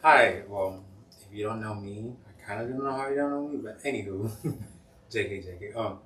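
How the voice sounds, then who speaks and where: A man's voice: lowish voice, moderate pace, a bit bright. A young man from Cameroon, a podcast guest, talking in a chatty, jokey way full of "um" and "like". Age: young adult. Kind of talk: casual interview chat. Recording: roomy, distant mic, faint noise.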